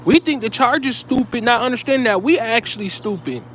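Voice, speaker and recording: A man's voice: very high-pitched, animated, brisk, fairly bright tone, slight background noise. A man delivering heated, profane commentary straight to his viewers, blunt and scolding.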